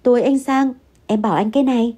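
A woman's voice: a little high, fast, warm tone, husky. A woman voicing an anxious young wife who pleads and apologizes in an audio story. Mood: pleading.

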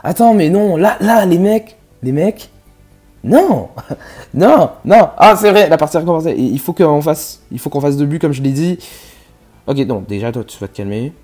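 A man giving live gameplay commentary, swearing often and swinging from low mutters to loud yells. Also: animated, moderate pace, slightly rough, soft background music. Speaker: gaming YouTuber.

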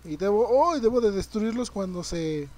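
High, excitable male game streamer. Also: moderate pace. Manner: excitable, swearing, reacting loudly and greeting chat. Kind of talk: live gameplay commentary.

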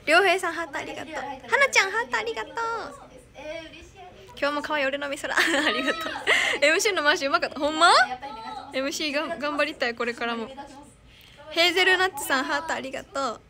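Speaking quickly and expressively, a young Kansai-accented idol streamer talks casually to her fans in a high, bright voice. She reads viewers' comments, thanks them and giggles frequently, while a crowd murmurs behind her.

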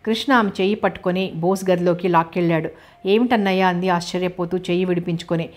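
A woman narrating a novel as an audiobook and reading every character's lines herself in an even storytelling voice. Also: on the low side, quick pace.

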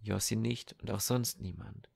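A man reading an audiobook with calm, measured storytelling. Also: on the low side, vocal fry, breathy edge, dry recording. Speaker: audiobook reader. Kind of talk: audiobook narration.

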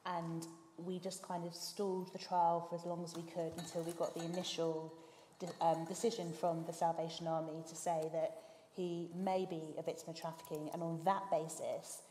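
Brief: woman barrister, lowish pitch, mellow tone, lively delivery, reverberant hall. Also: slight background noise. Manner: animated storytelling, quick and emphatic. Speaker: barrister panellist. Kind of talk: panel discussion. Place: lecture hall. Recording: roomy hall reverb, faint ambience.

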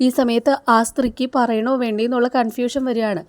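A woman's voice: fairly high pitch, fairly even intonation, fairly quick, darkish tone. A woman recounting the plot of a television serial in a chatty storytelling manner. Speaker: serial review narrator. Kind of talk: plot recap narration.

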